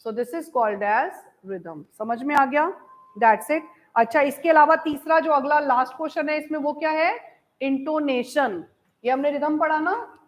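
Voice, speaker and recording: Woman teacher, high voice, Indian English accent, online class lecture, code-mixing, frequent check-ins with students. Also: poor audio. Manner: mixes Hindi and English, asks students "is it clear?", reads lines out slowly; calls students "beta".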